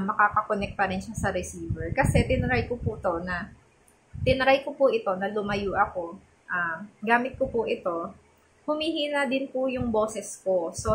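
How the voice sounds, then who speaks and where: A woman of ordinary pitch talks her viewers through a budget microphone review in a friendly, polite way, slipping English words into her sentences. A steady background noise runs clearly under the home recording. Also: low-quality recording. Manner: polite and chatty, sprinkling Taglish and respectful particles; repeats test phrases while comparing mic on and off. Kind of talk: casual product review vlog.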